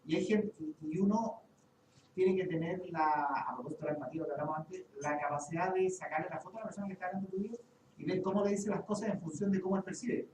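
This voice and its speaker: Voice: mid-range voice, quick pace, a crowd in the background. A workshop participant adding to a group discussion, thinking aloud with many restarts. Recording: echoey room, far from the mic, audible hiss.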